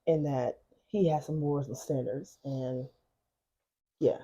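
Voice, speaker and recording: Husky, dark-voiced woman chatting quietly. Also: very deep voice, fairly even intonation, measured pace, lo-fi sound. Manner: talking quietly late at night. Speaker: podcast co-host. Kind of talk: casual chat. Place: home, at night. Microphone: podcast mics.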